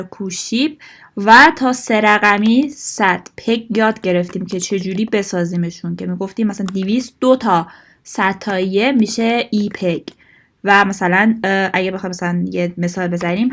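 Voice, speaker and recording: A woman's voice: medium pitch, fairly bright tone. A woman teaching a Korean language lesson, explaining patiently and mixing Korean phrases into her explanations. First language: Persian.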